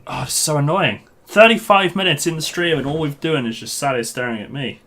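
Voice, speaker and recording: Matey male game streamer, bright voice. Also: fairly high pitch, a little fast. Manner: matey, informal address to the group. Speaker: live streamer, host. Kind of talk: casual live gaming commentary, chat with viewers.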